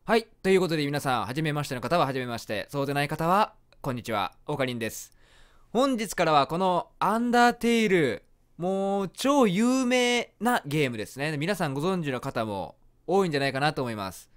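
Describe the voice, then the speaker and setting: A man's voice: a little high, big pitch swings, a little fast, smooth. A man with a Kansai accent playing a game, narrating the story and joking at the screen as he plays. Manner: playful, reacts aloud and jokes at the screen. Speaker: game streamer. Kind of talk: let's play commentary with storybook narration.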